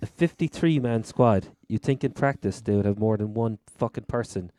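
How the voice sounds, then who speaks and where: A man's voice: lowish voice, moderate pace, mellow, no room sound. A man with a Cork Irish accent co-hosting a casual sports chat in a blunt way. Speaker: sports podcast co-host. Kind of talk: casual American football chat.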